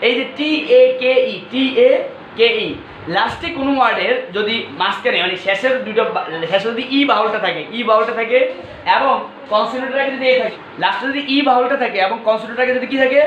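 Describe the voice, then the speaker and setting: A man's voice: very high voice, fast, a bit bright, slight background noise. Man, classroom pronunciation lesson, call-and-response drilling, echoey room, dull lo-fi sound. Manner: drills pupils in call-and-response, repeating each word. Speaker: English pronunciation teacher.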